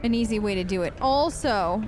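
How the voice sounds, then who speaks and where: A woman's voice: medium pitch, animated, fairly quick, crowd noise. A woman hosting a gaming video, chatting casually and playfully and talking back to game characters. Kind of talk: casual gameplay commentary.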